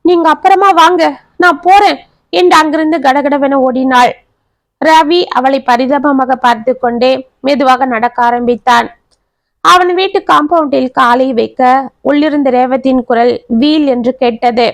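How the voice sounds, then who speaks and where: Woman, storyteller, expressive narration, dramatic, dry close sound. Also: high voice, measured pace, no room sound.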